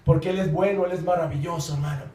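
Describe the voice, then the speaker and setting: A middle-aged man preaching a fervent Pentecostal sermon. He swings into shouting and repeats "hermano" after nearly every phrase. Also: fairly high pitch, fairly even intonation, fast, slight background noise. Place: church hall. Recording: roomy echo, mic far off.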